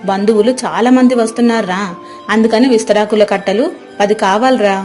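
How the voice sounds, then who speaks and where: A woman voicing a kindly village woman in a cartoon story, talking in a gently coaxing way. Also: medium pitch, fairly quick, soft background music, close to an everyday voice. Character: kindly village woman buying leaf plates.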